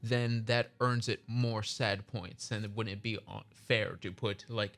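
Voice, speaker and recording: A man's voice: fairly low pitch, little pitch movement, unhurried, fairly bright tone, soft background music. A man co-hosting a podcast in casual chat, rambling and correcting himself as he goes. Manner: rambling, restarts, self-correcting. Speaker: podcast co-host.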